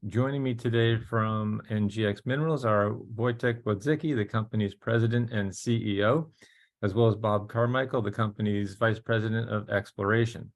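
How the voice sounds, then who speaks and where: A man moderating a webinar, reading a formal introduction at a measured pace. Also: on the low side, steady tone. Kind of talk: scripted introduction.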